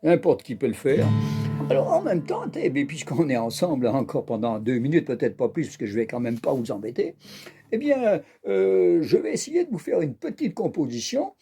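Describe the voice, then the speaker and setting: A man's voice: on the high side, very animated, normal speed, vocal fry, mellow. A man hosting an accordion channel, chatting to camera while strumming a guitar, jokey and bawdy, peppering his talk with little fillers. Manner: jokey, chatty, keeps adding "hein" and "incroyable"; bawdy, teasing storyteller.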